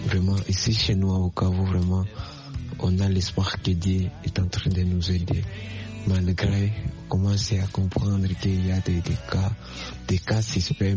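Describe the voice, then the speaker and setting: Slow, earnest man on a lo-fi voice message. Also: low voice. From Democratic Republic of the Congo. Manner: slow, earnest, halting with repeated words. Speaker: caller leaving a voice message. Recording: dull lo-fi voice message.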